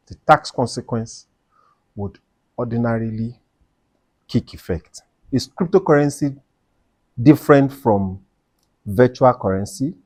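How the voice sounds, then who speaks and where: A man's voice: on the low side, a little mellow, dry recording. A man explaining tax law in a video lesson, asking questions and answering them emphatically, repeating his key points. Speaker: tax educator.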